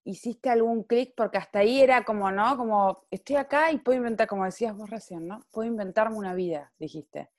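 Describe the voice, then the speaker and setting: Female interviewer, mid-pitched voice, engaged and prompting. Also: a little fast, hardly any pauses, darkish tone. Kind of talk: interview host, intro and questions.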